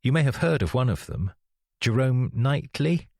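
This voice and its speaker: A man voicing a sociable, enthusiastic young husband who talks with gentle teasing warmth. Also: mid-range voice, sing-song, normal speed, vocal fry, dry recording, clean studio sound, voice pushed up.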